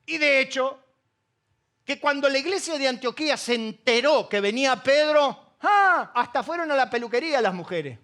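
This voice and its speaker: A man's voice: extremely high pitch, normal speed, a bit bright. A middle-aged male pastor with a Rioplatense Spanish accent, preaching a humorous, story-filled sermon and asking the congregation questions. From Argentina.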